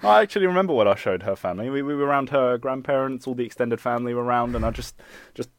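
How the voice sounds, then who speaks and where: A man's voice: mid-range voice, very fast. A man co-hosting a casual chat podcast, playful and laughing often as he tells stories. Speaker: podcast co-host.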